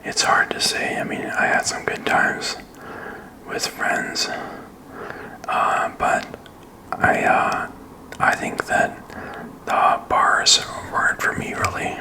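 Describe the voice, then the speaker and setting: Man whispering slowly, halting ASMR ramble. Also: poor audio. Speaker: ASMR video creator. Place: small quiet room indoors. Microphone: desk microphone with furry windscreen, very close.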